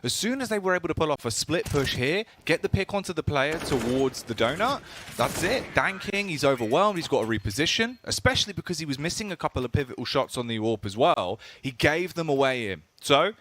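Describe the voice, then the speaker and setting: A man commentating live esports as a caster, moving between measured analysis and excited play-by-play calls. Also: fairly high pitch, slight background noise.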